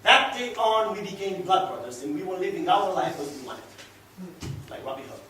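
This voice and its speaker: A male actor performs a theatrical stage monologue as a passionate, boastful, unrepentant young womanizer, swinging from hushed murmurs to loud declarations. His voice is high-pitched, very animated and a little fast, with a boastful, nostalgic mood. It was recorded from a distance in an echoey indoor room with faint noise.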